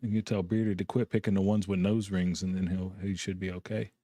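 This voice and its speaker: Worn out middle-aged guy rambling to his stream chat, deep-ish voice, dry close sound. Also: level tone, a little fast, dark tone, dry recording. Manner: rambling, easygoing, chuckling between thoughts. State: tired, yawning. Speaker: gaming streamer host. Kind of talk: casual chat to a live stream audience. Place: home gaming room with a green screen.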